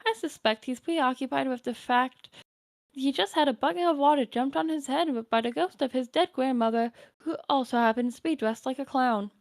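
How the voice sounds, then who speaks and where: A woman voicing a dry, sardonic teenage girl in a deadpan, wry manner. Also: high voice, normal speed, no echo.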